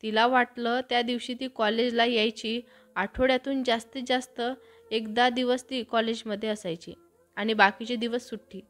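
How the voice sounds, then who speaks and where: A woman storyteller doing scripted narration of a romantic story, with a steady, even read-aloud delivery. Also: fairly high pitch, normal speed. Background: faint background music.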